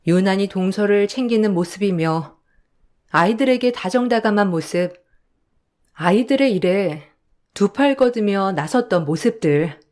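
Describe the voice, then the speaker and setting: A woman's voice: mid-range voice, unhurried, darkish tone. A woman reading a first-person story aloud in an emotional, confiding way. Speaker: story narrator.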